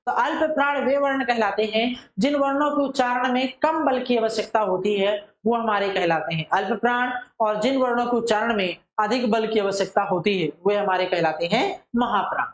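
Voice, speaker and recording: A woman teacher giving a methodical lesson. She asks questions and answers them herself, and she draws syllables out slowly to demonstrate them. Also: a little high, roomy sound, highs cut off. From India. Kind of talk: classroom-style lesson.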